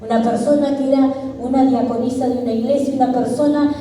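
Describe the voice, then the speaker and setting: Brief: middle-aged Argentine woman pastor, fervent repetitive sermon, dark mellow tone, echoey hall from far away. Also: high-pitched, steady tone, a little fast, a little hiss or hum. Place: church hall.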